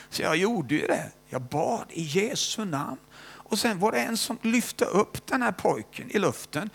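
A male preacher in the middle of a sermon, his voice rough with fry and a husky grain. He talks with a lot of melody, pushing loud one moment and dropping nearly to a whisper the next. A steady electrical hum sits under the recording. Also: mid-range voice. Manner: storytelling preaching, constant tag questions, swings between loud and hushed.

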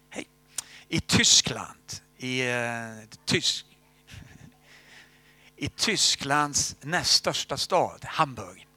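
A male preacher telling a testimony in a sermon, dropping to a near-whisper at the key moments. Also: mid-range voice. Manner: storytelling, drops to a hush at key moments.

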